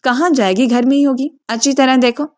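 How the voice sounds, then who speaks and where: A woman voicing a caring, gently teasing middle-aged mother in a storybook reading. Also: high voice, fairly even intonation, lightly acted. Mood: fond.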